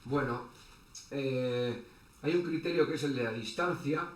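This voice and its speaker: A man giving an online lecture as a teacher, halting, with many fillers and restarts. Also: mid-range voice. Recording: echoey room with faint background noise.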